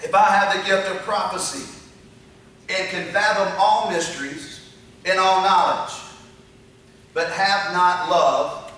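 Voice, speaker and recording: A middle-aged pastor preaches a sermon on a dark church stage with a projection screen, speaking into a handheld mic. His high voice stays steady, slow and pushed, with a bright edge and frequent pauses, as he builds long, emphatic, repetitive lists of phrases. A far camera captures him, so the hall sounds echoey and distant.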